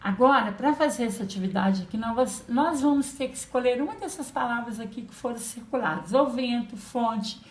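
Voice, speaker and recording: A woman's voice: on the high side, moderate pace, few pauses. A woman teacher giving a patient children's lesson, spelling out letters and sounds. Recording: echoey room.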